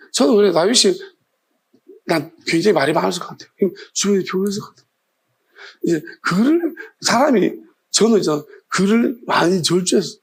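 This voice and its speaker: A man's voice: high-pitched, slightly rough. A male pastor preaching a sermon, firing off challenging rhetorical questions in a scolding tone.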